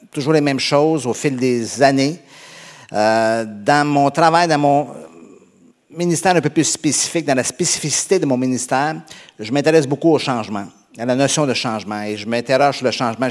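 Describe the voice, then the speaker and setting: Frequent fillers and restarts mark the halting, conversational sermon of a male Canadian pastor. He has a Québécois French accent and a medium-pitched voice.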